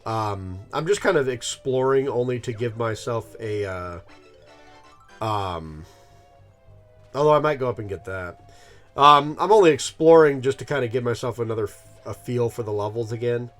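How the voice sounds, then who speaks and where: A gaming channel host in his thirties gives rambling, casual let's-play commentary in a medium-pitched voice at normal speed, with soft music underneath. He fills it with ums and laughs at himself.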